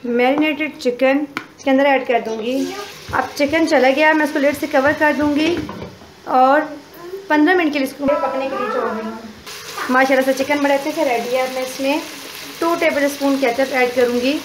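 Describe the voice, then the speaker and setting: A woman talks through a home recipe step by step. Her delivery is calm, homely and unhurried. Faint kitchen sizzling sits under the voice-over. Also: sits high, background noise. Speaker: cooking channel host. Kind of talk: casual cooking voice-over.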